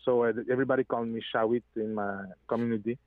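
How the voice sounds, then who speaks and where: A guest singer whose first language is French gives a phone interview, hesitant and searching for English words with many restarts. His medium-pitched voice is fairly even and fast, coming through a tinny telephone line with no echo.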